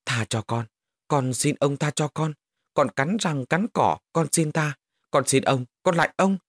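A man's voice: on the high side, measured pace, no room sound, voice pushed up. A man doing a terrified little girl begging. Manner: pleading, sobbing cries.

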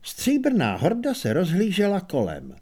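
A man narrating an audiobook in an expressive storytelling manner. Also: sits high, husky. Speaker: audiobook reader. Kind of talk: scripted narration.

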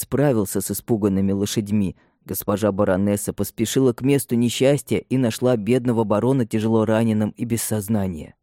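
Мужчина читает сдержанного управляющего с печальной вестью. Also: male voice, medium pitch, dark tone, no echo, studio quality, lightly acted. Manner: subdued, respectful. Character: grave male estate steward bearing bad news.

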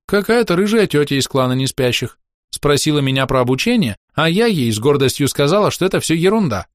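A man's voice: a little high, very animated, fairly quick, dry recording, clean studio sound, pitched above the performer's own voice. A man voicing a blunt, chatty young girl, the narrator's daughter, telling what she saw in a childlike way. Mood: cheeky.

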